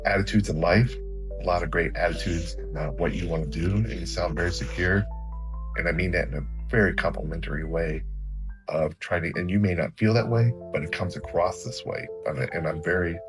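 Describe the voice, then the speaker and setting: A man's voice: low-pitched, brisk, over music. A middle-aged man with an Oklahoma Okie accent, hosting a conversational interview in a rambling, encouraging way. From Oklahoma, United States. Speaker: interview show host.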